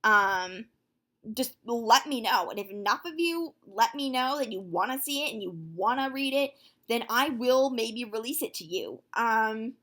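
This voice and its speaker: Young woman, nineteen, casual vlog chat, excitable, lots of um and like. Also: a little high. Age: young adult, nineteen. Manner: chatty, full of 'like' and 'um' fillers; excitable, quick to gasp and exclaim. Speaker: vlogger.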